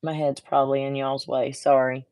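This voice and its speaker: A woman's voice: sits low, lively intonation, measured pace, no echo. A woman chatting casually to viewers while she works on a craft project, getting frustrated and talking to herself. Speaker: craft vlogger. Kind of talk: casual chat while working.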